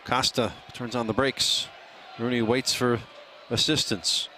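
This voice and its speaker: A man doing live play-by-play soccer commentary, calling player names in brisk short bursts. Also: medium pitch, flat delivery, sharp tone, a little hiss or hum.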